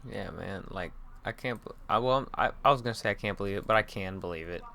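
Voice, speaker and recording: A young man with a somewhat low voice chatting about fights on a podcast. He is blunt and swears freely, jumping in with quick reactions. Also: vocal fry, sharp tone. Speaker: podcast co-host. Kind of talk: casual sports chat.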